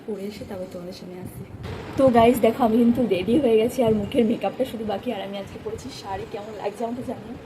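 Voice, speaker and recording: A woman vlogger speaks quickly in an easy, chatty way. Her pitch sits in a middle range, and she addresses her viewers directly as friends. A clear hum of background ambience runs under the recording. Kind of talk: casual vlog talk to viewers.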